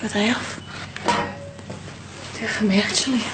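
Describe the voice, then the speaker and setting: An actress playing a caring woman in a soap opera, speaking in a hushed, sympathetic way. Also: mid-range voice, measured pace, lightly acted. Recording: steady background noise.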